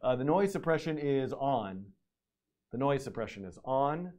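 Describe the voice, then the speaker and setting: A man's voice: medium pitch, expressive, unhurried, dark tone. Male stream host, plain mid-range voice, processed with noise suppression that leaves artifacts. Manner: repetitive, testing aloud. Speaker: livestream host. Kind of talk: casual live-stream chat. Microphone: computer mic with noise suppression.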